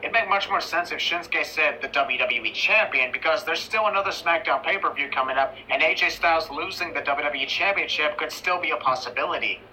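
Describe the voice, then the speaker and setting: A man's voice: on the high side, fairly quick, hardly any pauses. A man narrating a scripted commentary voice-over in a sarcastic, critical manner. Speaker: video narrator. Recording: voice-over with steady background noise.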